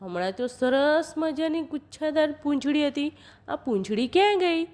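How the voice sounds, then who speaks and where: A woman voicing surprised animals and villagers in a children's story, exclaiming high questions. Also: lively intonation, moderate pace, a little mellow.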